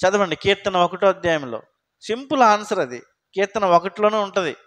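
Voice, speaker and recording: A man's voice: sits high, expressive, a little fast, a bit bright. A man preaching a sermon as pastor, talking in a conversational way and putting frequent questions to the congregation.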